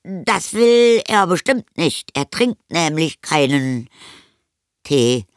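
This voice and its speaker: A woman's voice: low-pitched, very animated, slow pace, no echo, studio quality, voice pushed up, exaggerated voice. A woman voicing a flustered young boy in an audiobook reading, stammering and evasive as he hides a secret. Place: studio.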